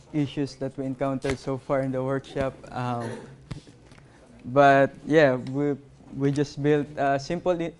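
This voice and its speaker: A man presenting a live coding workshop, halting and apologetic, with many fillers. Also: medium pitch, darkish tone, smooth. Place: conference workshop room.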